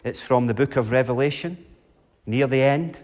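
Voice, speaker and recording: A man preaching a sermon with dramatic pauses, rhetorical questions and wide swings in pitch and volume. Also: a little mellow. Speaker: pastor. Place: church. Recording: long church reverb.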